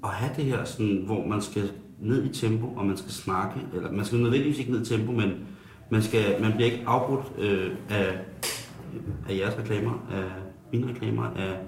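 A man's voice: fairly low pitch, darkish tone, a little hiss or hum, natural voice. A man playing a tactless radio host who halts and restarts with frequent ums. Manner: halting, full of ums and restarts. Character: tactless male radio host who blurts dark jokes. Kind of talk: satirical talk-radio banter. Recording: roomy studio echo.

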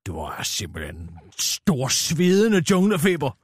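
A man's voice: on the high side, huge pitch swings, husky, no room sound, studio quality, exaggerated voice. A man playing a brazen, self-important female radio news anchor in satirical comedy, with a needling, theatrical manner. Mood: needling, mocking.

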